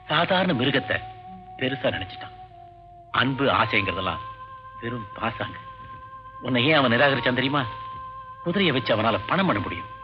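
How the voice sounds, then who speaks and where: An actor doing a stern, controlling middle-aged father who lectures his daughter in a firm, paternal voice. A clear film music score plays under his lines. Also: medium pitch, highs cut off, natural voice. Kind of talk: 1980s film melodrama acting.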